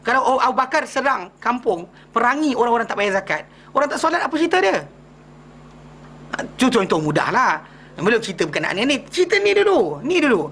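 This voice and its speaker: Malaysian male religious teacher, fast and conversational, fires rhetorical questions at his class, faint hum in the room. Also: very high-pitched, big pitch swings, sharp tone. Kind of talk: hadith class lecture.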